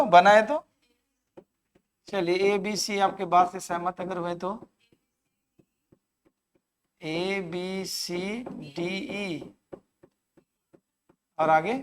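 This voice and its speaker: A reasoning teacher, giving a live classroom lecture, counting aloud and urging students to answer. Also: medium pitch. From Jharkhand.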